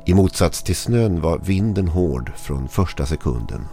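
A man narrating a scripted horror story in a measured, ominous way. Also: low voice, lively intonation, mellow, a little hiss or hum.

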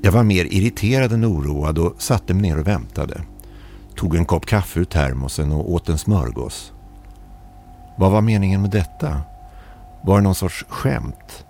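A man reading an eerie first-person story aloud in a measured, calm narrating manner. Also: low-pitched, gravelly, faint music behind.

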